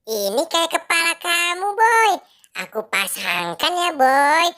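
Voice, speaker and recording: A woman voicing an eager, helpful little cartoon boy in a high, childlike, sing-song voice. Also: big pitch swings, slow pace, bright, forceful tone, exaggerated voice. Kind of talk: cartoon-style kids' voice acting.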